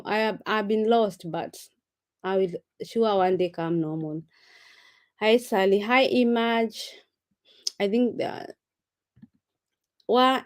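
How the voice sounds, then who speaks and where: A woman's voice: medium pitch, darkish tone. A woman chatting casually on a live stream, reading viewer comments aloud and greeting each viewer by name, now and then slipping into Swahili words. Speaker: vlogger reading live chat.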